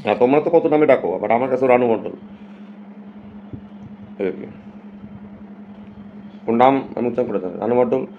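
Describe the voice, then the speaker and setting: A man's voice: medium pitch, moderate pace, pauses often, phone-quality sound, slight background noise. A man from Bangladesh, talking casually and emphatically to his viewers on a live stream and slipping English phrases in.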